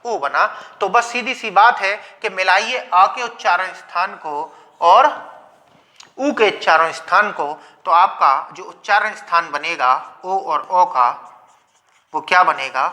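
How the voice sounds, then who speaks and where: A male teacher with a very bright, forceful tone delivers a video grammar lecture. He lays out each point slowly and repeats it. He keeps putting questions to his students and answering them himself. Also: high-pitched. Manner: slow, patient explaining with repetition.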